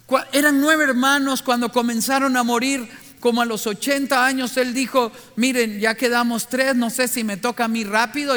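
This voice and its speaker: A man's voice: very high-pitched, sharp tone, long reverb tail. A middle-aged man preaching a sermon in an earnest, reflective way, putting direct questions to his listeners.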